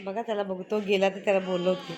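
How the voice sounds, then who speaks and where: A woman's voice: mid-range voice, level tone, quick pace. A woman vlogging casually, chatting to her viewers about her day as she walks around outdoors with her phone. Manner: chatty, narrating daily chores to camera. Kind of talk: casual vlog chat. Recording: loud background noise.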